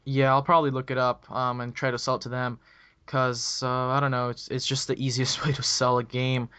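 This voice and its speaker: A man's voice: medium pitch, little pitch movement, fairly quick, bright, forceful tone, smooth, no echo. A young man hosting a casual podcast, rambling with many ums and restarts over a voice call. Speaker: podcast host.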